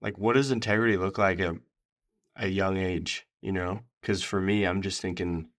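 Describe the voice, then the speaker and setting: A man's voice: sits low, steady tone, moderate pace. A young adult man in casual conversation as a podcast co-host, reflective and searching for his words as he asks questions.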